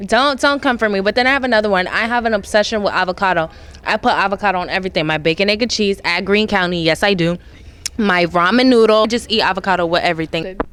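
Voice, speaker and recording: A woman's voice: mid-range voice, quick pace, a bit bright, smooth. A young woman hosting a school show, casually interviewing people and teasing them playfully, pressing for answers. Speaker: student host of a school show.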